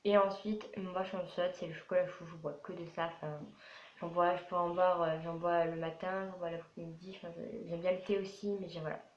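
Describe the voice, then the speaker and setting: Speaking briskly to camera, a twelve-year-old girl from France answers FAQ questions in a rambling, repetitive, casual way. Her fairly low voice barely moves in pitch. The audio is dull, slightly noisy and full of room echo.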